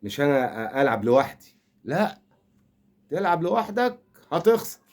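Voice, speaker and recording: A man's voice: fairly high pitch, big pitch swings, normal speed. An older man with an Egyptian accent, rambling and teasing through a comic football rant. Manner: rambling, teasing, mock-consoling. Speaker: football fan commentator.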